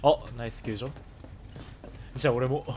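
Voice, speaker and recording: A man with a hoarse voice, chatting casually while live-streaming a game and thanking viewers for donations. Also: medium pitch, fairly even intonation, normal speed, a little mellow, slight background noise.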